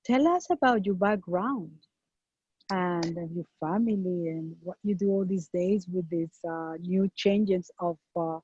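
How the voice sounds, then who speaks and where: A woman's voice: lowish voice, unhurried, darkish tone, slight background noise. A woman interviewing a guest in a casual, chatty, upbeat way. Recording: dull lo-fi sound.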